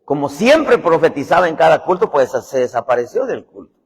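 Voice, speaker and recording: A man's voice: a little high, very animated, fairly quick, breathy edge. A man preaching a sermon and telling a story, acting out the people in it as he goes. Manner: dramatic storytelling, voicing characters in quotes. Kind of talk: sermon with acted-out anecdote. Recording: long hall reverb.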